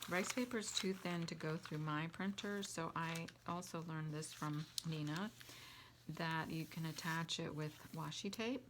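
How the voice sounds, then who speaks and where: A woman's voice: low-pitched, a little slow, noisy background. A woman hosting a casual crafting tutorial, talking in a chatty, rambling way with fillers and restarts. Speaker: crafting channel host.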